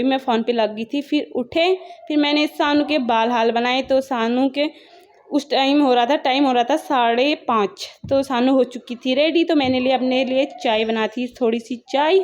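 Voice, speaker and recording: This vlogger, a young woman whose Hindi has a Pahari flavor, tells a rambling, down-to-earth story of her everyday routine. Her voice is high-pitched yet darkish in tone, and the recording has its highs cut off.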